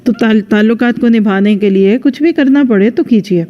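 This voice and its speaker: A woman religious teacher giving a conversational lecture into a microphone, speaking straight to her listeners and acting out sample dialogues. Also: on the high side. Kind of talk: religious lecture to a women's audience. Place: lecture venue with a live audience. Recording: dull lo-fi sound with long hall reverb.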